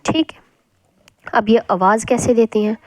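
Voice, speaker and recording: A woman teacher walks through a spelling lesson, patiently repeating each word so the sounds come through. Her voice sits high and she speaks at an unhurried pace. The sound is dry and close. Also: fairly even intonation, no room sound. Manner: patient, repeats words slowly to show sounds.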